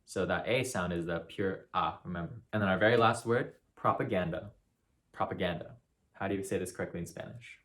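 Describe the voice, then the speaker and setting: Low-voiced man teaching pronunciation. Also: a bit bright. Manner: demonstrates words by repeating them slowly. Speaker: language teacher. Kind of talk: explanatory pronunciation lesson.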